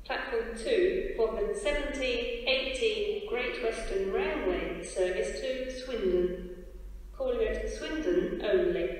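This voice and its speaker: Woman's spliced automated station announcements. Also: fairly high pitch. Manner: measured, evenly clipped phrasing. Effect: spliced together prerecorded words. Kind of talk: automated public address announcements. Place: railway station platform. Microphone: heard through station loudspeakers. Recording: echoey station loudspeaker with platform noise. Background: station ambience.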